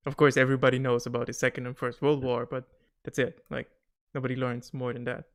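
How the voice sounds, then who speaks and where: A man, a podcast guest in casual chat, animated and quick to laugh, often restarting his sentences. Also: mid-range voice. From Germany.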